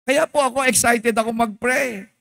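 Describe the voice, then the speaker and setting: A man's voice: extremely high pitch, normal speed, vocal fry. A male pastor with a Filipino accent preaching a sermon, switching between Tagalog and English and calling out questions to the congregation. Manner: emphatic, animated preaching.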